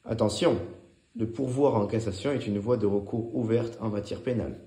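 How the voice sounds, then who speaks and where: A low, slightly dark male voice narrates a lesson from written notes. He delivers each item in short, clipped, didactic phrases. The recording is roomy and echoey. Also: moderate pace. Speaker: narrator of a law revision lesson. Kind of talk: scripted study notes read aloud.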